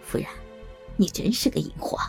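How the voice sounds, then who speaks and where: A woman voicing a sly, smug old man in a dramatized audio story, speaking low and gloating with chuckles. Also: normal speed, a little mellow, faint music behind, close to an everyday voice.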